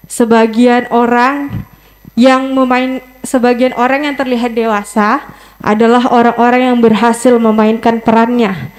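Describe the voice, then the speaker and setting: A woman from North Sumatra asking a question from the audience, careful and halting with many fillers. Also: fairly high pitch, low-quality recording.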